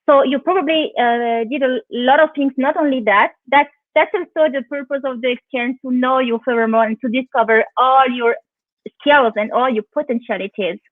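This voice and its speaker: A woman's voice: high voice, moderate pace, no room sound. A woman with a French accent hosting a live online interview in English, often repeating words as she searches for them. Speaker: interview host. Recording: tinny phone line, dry.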